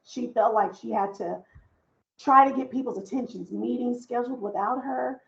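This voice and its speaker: A woman talks on a panel in an earnest, emphatic way, circling back to press her points. Her voice sits a little high and has a gravelly edge. It comes through a video call that sounds roomy and dull. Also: normal speed. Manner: earnest, emphatic storytelling with repeated phrases. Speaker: panelist, diversity and inclusion leader. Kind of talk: conversational panel discussion.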